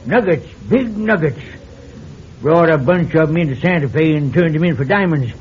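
High-voiced, jovial old prospector. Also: male voice, moderate pace, breathy edge. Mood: gleeful, boastful. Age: older. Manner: folksy, excitable old-timer talk. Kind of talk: old-time western radio acting. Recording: muffled vintage radio recording, faint noise.

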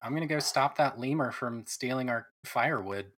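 Low, husky, slow-talking woman player. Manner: giggly, slow drawl. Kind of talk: tabletop game play, casual chat.

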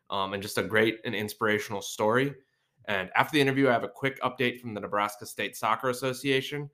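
Fast-talking low-voiced podcast host. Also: male voice, sharp tone. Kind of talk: scripted show intro.

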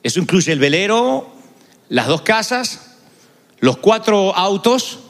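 A male preacher voicing God as a gentle, conversational man who coaxes and corrects. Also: sits high, very animated, moderate pace, pitched above the performer's own voice, exaggerated voice. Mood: coaxing. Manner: conversational, coaxing. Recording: long hall reverb.

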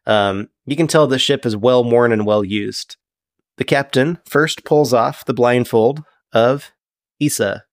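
A man narrating a tabletop game as game master, relaxed and descriptive, with many fillers. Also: mid-range voice, a little slow, no echo, studio quality.

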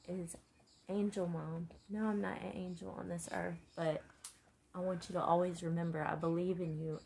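Mother, casual heart-to-heart, warm encouragement, a touch of vocal fry, faint background hiss. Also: on the low side. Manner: gentle and encouraging; earnest, speaks of faith and prayer. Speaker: mother talking with her son.

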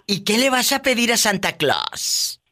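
A middle-aged woman with a Mexican accent hosts a call-in radio show, her voice bright and crisp. She talks to callers in an affectionate, teasing way. Her pitch rises and falls freely as she reacts. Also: sing-song, a little slow.

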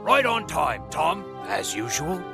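A man's voice: a little high, huge pitch swings, slow pace, creaky, over loud music, full character voice. A man voicing a devoted, unhinged railway boss in a cartoon, melodramatic and pleading. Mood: fond. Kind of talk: animated comedy acting.

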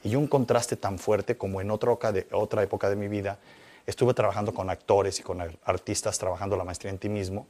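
A man, a magician guest in an interview, telling anecdotes with lively swings between excitement and quiet reflection. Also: fairly low pitch, fast. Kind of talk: animated storytelling in interview.

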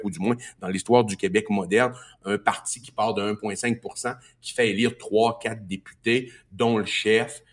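A man with a Québécois French accent, a political guest on talk radio, arguing his case in an emphatic, animated way and building points through repetition. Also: fairly low pitch. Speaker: political guest, party health spokesman.

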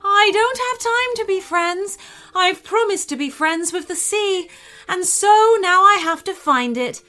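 A woman's voice: extremely high pitch, expressive, measured pace, pushed and bright, faint music behind, voice pushed up, exaggerated voice. A woman voicing a busy, kindly river in a storybook, chirpy and teasing.

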